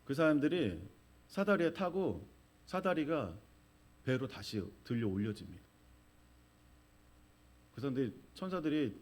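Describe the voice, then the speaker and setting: A man's voice: medium pitch, a little mellow. A middle-aged male pastor preaching a sermon, telling a vivid story and acting out the crowd's cries.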